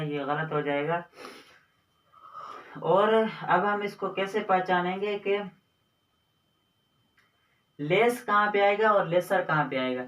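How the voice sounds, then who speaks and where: A man's voice: high-pitched, a bit bright. A man teaching a grammar lesson, explaining step by step, repeating himself and drawing out his words. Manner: slow, repetitive explaining with drawn-out words. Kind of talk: Hindi grammar lesson on English adjectives. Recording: echoey room, voice from a distance.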